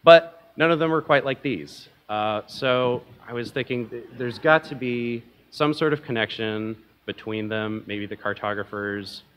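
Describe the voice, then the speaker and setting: A man's voice: mid-range voice, measured pace, few pauses, fairly bright tone. A young man presenting at an academic conference from a lectern, talking casually with frequent ums and uhs and a self-deprecating humor.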